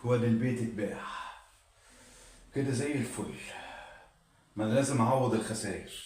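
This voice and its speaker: A man's voice: medium pitch, fast, darkish tone, voice pushed down, lightly acted. A man with an Egyptian accent playing a desperate male gambler who bets away his house. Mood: pleading. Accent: Egyptian Arabic. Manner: pleading, then frantic. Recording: roomy, distant mic.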